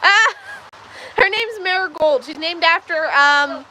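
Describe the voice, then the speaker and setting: A woman's voice: very high-pitched, lively intonation, slow pace, pushed and bright, a little hiss or hum, poor audio. A woman from Texas hosts a casual livestream from a barn's milking stall. She chats with viewers and answers their questions while coaxing the cows along. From Texas, USA. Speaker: livestream host. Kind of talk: casual livestream chat while doing farm chores. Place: milking stall in a barn on a farm.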